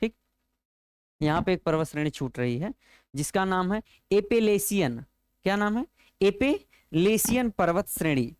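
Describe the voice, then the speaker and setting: Man, male teacher, exam-prep geography lesson, slow unhurried delivery, repeats points back as questions, dry close sound. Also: sits high, very animated, clear, resonant tone, dry recording. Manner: drills points by repeating them as questions to students; slow, repetitive explaining.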